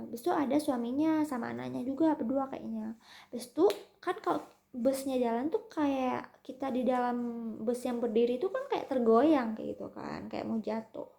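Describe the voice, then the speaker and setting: A woman's voice: a little high, vocal fry, mellow. A young woman in her twenties telling a story in a casual vlog, chatty and slipping in English and German words. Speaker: vlogger.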